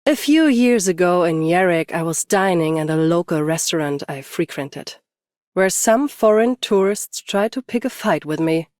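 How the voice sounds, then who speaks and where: In scripted video game lines, a woman voices a stoic, battle-hardened champion swordswoman and bodyguard, sounding restrained and commanding. Her voice is on the low side and darkish, animated yet lightly acted, at a moderate pace with a calm, dry mood. The recording is dry, with clean studio sound.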